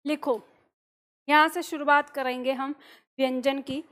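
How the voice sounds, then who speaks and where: A woman teaching an online class, explaining step by step, dictating notes slowly and asking the students questions she then answers herself. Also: high-pitched, fairly even intonation, a bit bright. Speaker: Hindi teacher.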